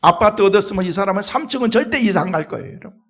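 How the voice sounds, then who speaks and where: A man preaching a sermon as senior pastor, telling the story with lively acted-out dialogue. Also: sits high, rapid-fire. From Korea. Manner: animated storytelling, acting out dialogue.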